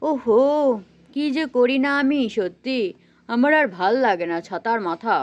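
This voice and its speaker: A woman voicing an easygoing middle-aged village husband in a doll story, calm and dismissive of the fuss. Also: on the high side, a little slow, lo-fi sound. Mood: placid.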